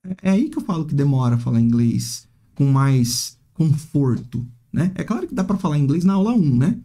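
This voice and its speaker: A man's voice: fairly high pitch, expressive, normal speed, warm tone. A man teaching English in a casual, chatty monologue, often ending phrases with tag questions and acting out hesitant students. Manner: chatty, frequent "né?" tags, acts out hesitant students.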